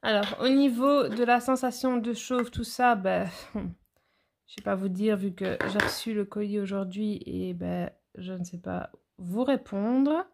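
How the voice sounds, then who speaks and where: Woman, nail educator, casual haul vlog, gravelly fry, chatty and hesitant. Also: mid-range voice, fairly even intonation, unhurried, a little hiss or hum. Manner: chatty, addresses viewers directly, frequent hesitations.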